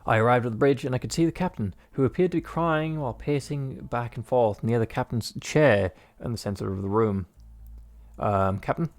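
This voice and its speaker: A man reads out a visual novel's narration at a moderate pace in a mid-range voice, with soft music in the background. His added commentary is rambling, jokey, and full of fillers.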